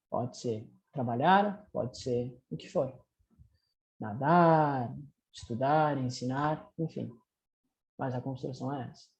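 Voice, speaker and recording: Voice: medium pitch, dark tone, dull audio. An English teacher with a Brazilian Portuguese accent explains grammar patiently, step by step, and checks in with students often. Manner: reads English drill sentences slowly and clearly. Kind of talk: recorded language lesson.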